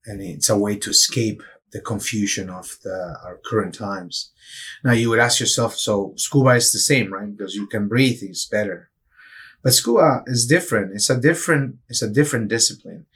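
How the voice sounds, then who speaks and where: A man's voice: lowish voice, normal speed, fairly bright tone, breathy edge. Earnest middle-aged man from Peru. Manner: earnest, explanatory, with restarts. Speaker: neurosurgeon guest. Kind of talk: interview answers.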